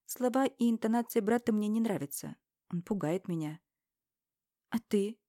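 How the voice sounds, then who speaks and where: A woman's voice: mid-range voice, animated, brisk, no room sound. Female audiobook narrator, first person, dramatic, dry close recording. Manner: dramatic, emotional, rises to shouting in dialogue.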